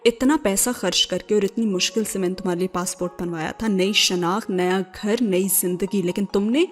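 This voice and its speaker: A woman voicing a curt, coldly angry grown man in a storybook reading, speaking flat and scolding. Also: medium pitch, faint music behind, natural voice.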